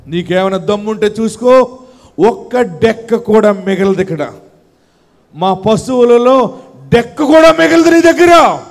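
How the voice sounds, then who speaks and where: A defiant male leader, as a preacher puts him on, who lays down his demands to a king. He speaks in slow, stressed words with a high voice. The tone is bold and challenging, the way a sermon retells a scene. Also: expressive, gravelly, heavily acted. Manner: slow, emphatic, declaiming.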